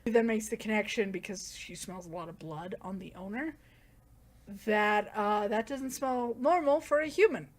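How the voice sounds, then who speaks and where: A woman's voice: mid-range voice, normal speed. A woman giving a casual, rambling plot recap as a manga reviewer, with lots of "like" and self-corrections.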